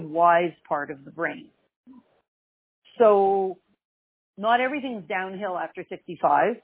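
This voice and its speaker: Husky and medium in pitch, this older woman's voice comes through a dry recording with a tinny, phone-like narrowness. As a religious teacher and class host, she gives a casual lesson, joking wryly and repeating phrases to stress her points.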